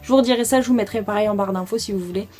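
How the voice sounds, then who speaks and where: A woman's voice: medium pitch, very fast, darkish tone, soft background music. A young French woman chatting casually through a makeup product review, enthusiastic and full of fillers. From France. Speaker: beauty vlogger.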